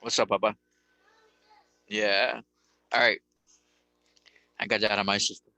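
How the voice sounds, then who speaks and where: A man delivers a casual spiritual lecture in a gravelly, forceful voice. He hammers his points home with repeated rhetorical questions and casual swearing. The sound is dry and close, with no room around it. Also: lowish voice, flat delivery, measured pace, dry recording, poor audio.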